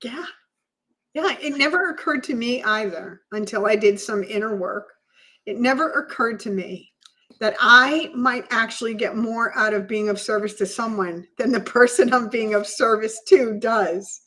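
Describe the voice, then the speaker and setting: A woman with a slightly high voice tells a personal story as a podcast guest. She speaks earnestly and with feeling, often restarting her sentences as the memory moves her. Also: sharp tone. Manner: earnest, emotional, halting restarts.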